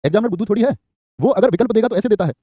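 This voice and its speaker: A man's voice: high-pitched, expressive, dark tone, dry recording, clean studio sound. A male teacher giving a live online exam-prep class, repeating key phrases for dictation and answering students by name. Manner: quick, repetitive dictation, calls students by name.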